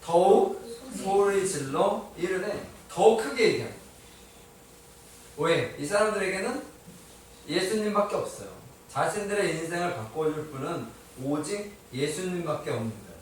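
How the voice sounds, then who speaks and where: A man's voice: fairly high pitch, animated, moderate pace, slight background noise. A male pastor preaching a sermon. He keeps asking his congregation questions and answers them himself, with a touch of light humor. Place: church sanctuary. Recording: echoey hall, mic at a distance.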